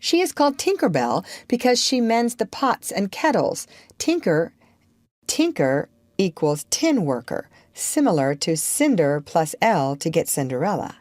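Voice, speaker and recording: A woman voicing Peter Pan, a cocky, cheerful boy who never grows up, in a high, boyish, boastful tone for an audiobook. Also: sing-song, a little slow, darkish tone, dry recording. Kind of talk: audiobook character reading.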